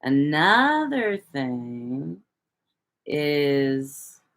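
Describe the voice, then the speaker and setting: A woman's voice: low-pitched, sing-song, extremely slow, fairly bright tone. A woman hosting a casual livestream, talking loosely to viewers, rambling and swearing freely. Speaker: livestream host reading viewer chat.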